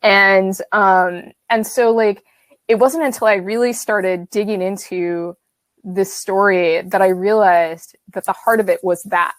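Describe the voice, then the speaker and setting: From a home studio room with a brick wall, a thirty-something author-illustrator from the American Midwest talks casually over a video call webcam, wandering with lots of fillers and restarts. She speaks in a steady, mid-range voice at a measured pace, with no room sound.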